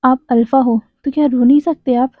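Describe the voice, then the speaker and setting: A woman puts on a wounded young husband who keeps pressing his silent partner with accusing, pleading questions. The voice sits high, and the sound is dry and thin, like a phone line. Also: fairly even intonation, moderate pace, dry recording, lightly acted. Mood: reproachful. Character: hurt, reproachful young husband.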